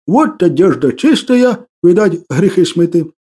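A bewildered old hermit, fervent and pious, speaking in archaic churchly phrases, as a male storyteller puts him on. The voice sits high and swings widely, with a dark, mellow tone. An audiobook figure. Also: sing-song, unhurried, slightly rough, exaggerated voice.

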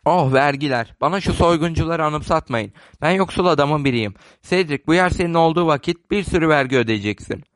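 A man's voice: fairly high pitch, a little fast, few pauses, no room sound, lightly acted. A man voicing a grumpy, stingy old man who barks testy complaints in a storybook reading. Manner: barking, testy.

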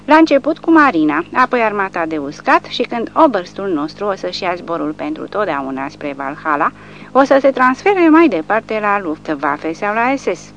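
A woman's voice: medium pitch, sing-song, a bit bright. A woman voicing a crude, always-hungry male soldier who talks cheekily and boastfully. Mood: cheeky. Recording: dull lo-fi with faint hum.

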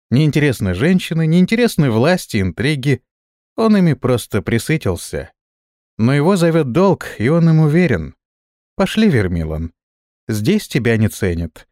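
A man voicing a bold, sharp-tongued young woman who talks defiantly, in a storybook reading. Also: a little high, no room sound, clean studio sound, voice pushed up. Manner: defiant and mocking.

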